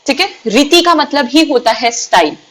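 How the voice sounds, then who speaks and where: A young adult woman with an Indian accent teaching an exam-prep lecture, explaining step by step and reading definitions out slowly. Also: sits high, animated, fairly bright tone, rough recording. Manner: explains step by step, switching between Hindi and English, reads definitions slowly.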